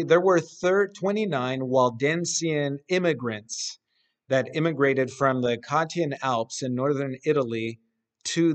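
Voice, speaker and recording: A man in his forties preaching a sermon in an empty church sanctuary, speaking deliberately and gesturing as he talks, filmed close up. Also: medium pitch. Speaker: pastor. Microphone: camera close up at face level.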